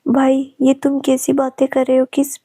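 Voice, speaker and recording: A woman's voice: high voice, monotone, moderate pace, dark tone, dry recording, studio quality, close to an everyday voice. A woman reading a storybook, voicing a tearful young woman who insists she is innocent, in a pleading manner.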